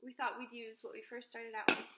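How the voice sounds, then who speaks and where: A woman's voice: a little high, little pitch movement, a little fast, roomy sound, very noisy. A young woman hosting a casual chat to camera with friends, joking in slang with a giggly manner. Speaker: video host.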